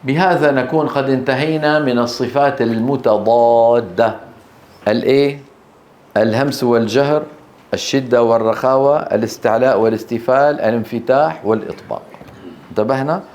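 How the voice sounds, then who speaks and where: A man's voice: mid-range voice, a little mellow. Male Quran recitation teacher who stretches out each letter sound and quizzes the class, recorded in an echoey room with faint hiss. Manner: drawn-out letter demonstrations, quizzing students. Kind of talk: tajweed lesson with call-and-response drills.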